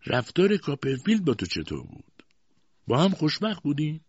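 A stern, harsh spinster aunt from a storybook reading, cold and mocking in every word, with a man putting the voice on. Her voice sits well above the reader's own and carries a husky edge. The recording is dull and dry. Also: fairly low pitch, sing-song, no echo, voice pushed up, exaggerated voice.

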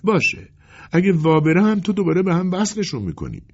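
A timid, hesitant clerk pleads in a raised, thin voice as a male narrator puts him on. The tone is gravelly and husky. The recording is dull and lo-fi. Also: sits high, wildly swooping pitch, a little mellow, voice pushed up, exaggerated voice. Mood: pleading. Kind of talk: audiobook character voice.

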